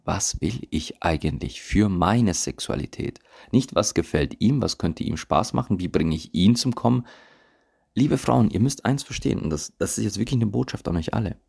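A man with a very low voice, full of gravel and fry. He talks in a podcast monologue as a coach, intimate and emphatic, and at times he sinks to a whisper. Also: darkish tone. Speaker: podcast host and tantra coach. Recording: recorded without usual laptop setup.

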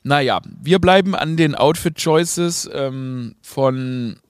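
A man's voice: on the high side, slow pace, clear, resonant tone, no room sound, clean studio sound. A man hosting a podcast, talking in a casual comedic monologue full of ironic asides and fillers.

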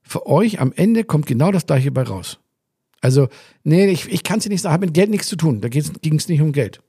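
A man with a gravelly, husky voice rants his way through a casual podcast chat. He swears freely and acts out the people in his story. The sound is dry and close. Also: on the high side, lively intonation, normal speed, dark tone, no room sound. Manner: ranting, swearing, acts out quoted dialogue. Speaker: podcast co-host.

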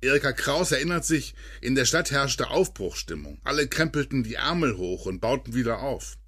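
A man reading a scripted podcast story as narrator, in a lively storytelling manner. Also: moderate pace, husky. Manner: lively storytelling read with dramatic drops in pitch.

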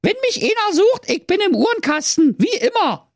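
A man's voice: very high-pitched, big pitch swings, normal speed, dry recording, studio quality, voice pushed up, heavily acted. A man voicing a cocky, streetwise youngest goat kid with a Berlin accent.

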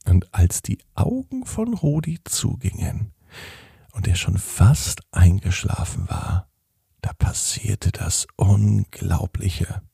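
A man reading a bedtime story in a calm, unhurried way. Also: low voice, gravelly, husky, dry recording, studio quality.

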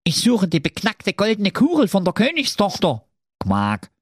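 A man's voice: sits high, huge pitch swings, unhurried, no room sound, studio quality, pitched above the performer's own voice, heavily acted. A man voicing a grumpy frog king in a comic fairy tale read aloud, quacking between his sentences. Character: grumpy male frog king with a tiny crown.

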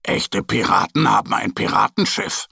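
A man's voice: fairly low pitch, lively intonation, moderate pace, gravelly, sharp tone, breathy edge, dry recording, clean studio sound, exaggerated voice. A man voicing a cheerful, dreamy little male bear cub in a children's storybook, with a friendly, playful manner.

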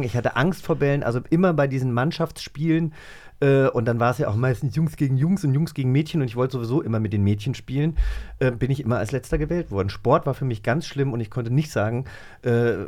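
A man's voice: mid-range voice, fast talker, a little mellow. A man co-hosting a podcast in a casual, chatty style. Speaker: podcast co-host. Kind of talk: casual chat.

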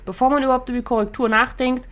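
A woman with a fairly high voice talks through a dog-training podcast episode. She keeps it loose and lively, tossing in quick "right?" check-ins and little laughs as she teaches. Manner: lively, chatty, asks "ja?" often and laughs between points. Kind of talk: casual spoken podcast lesson.

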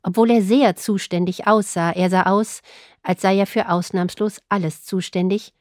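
A young adult woman reading her own short story aloud in a calm, measured, wry manner. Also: medium pitch, no echo, studio quality.

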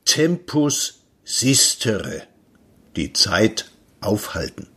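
A man reading a literary story aloud in a wry, lively storytelling manner. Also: on the low side, slightly rough. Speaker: reader.

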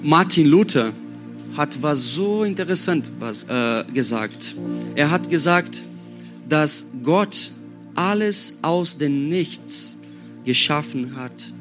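A young Brazilian man gives a sermon to young people, his German slow and a little broken, with a Brazilian accent. He speaks at an unhurried pace. Loud music plays behind him. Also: a little high, animated. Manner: slow, halting German with non-native grammar. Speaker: youth pastor. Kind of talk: sermon at a youth retreat. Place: worship room before a youth audience.

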